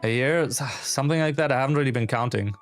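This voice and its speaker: A man's voice: medium pitch, fast talker, soft background music, natural voice. A man voicing a weary, self-doubting lizard doctor in a game, brooding and hesitant. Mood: regretful.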